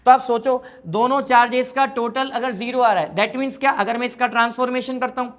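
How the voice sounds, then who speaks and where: A man's voice: very high voice, fairly even intonation, brisk, a bit bright. A male physics teacher giving a classroom lecture. He keeps asking his students questions and answering them himself, and fondly calls them his children. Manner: addresses students fondly as children, mixes English terms into his talk.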